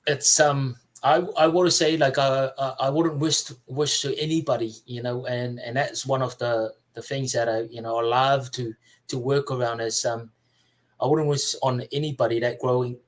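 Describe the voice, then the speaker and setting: Soft-spoken man from Samoa. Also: medium pitch, level tone, low-quality recording. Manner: soft-spoken, halting, many fillers and restarts. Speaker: podcast guest. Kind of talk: personal life story in casual chat.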